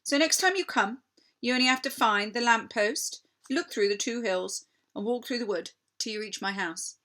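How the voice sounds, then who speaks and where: A woman's voice: a little high, normal speed, pushed and bright, voice pushed up. A woman voicing a queenly witch, slyly sweet and coaxing, in a commanding storybook manner. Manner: commanding, wheedling.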